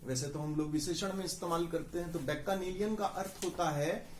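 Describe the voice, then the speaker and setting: A young man teaching English vocabulary for exams, explaining slowly and spelling words out letter by letter. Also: on the high side, a little hiss or hum. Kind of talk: explanatory exam-prep lesson. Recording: echoey room.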